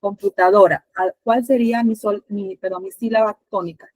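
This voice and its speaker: A woman's voice: medium pitch, steady tone, normal speed, darkish tone, dry recording, rough recording. A Spanish teacher with a Panamanian accent, a woman, patiently asking her students questions with many fillers.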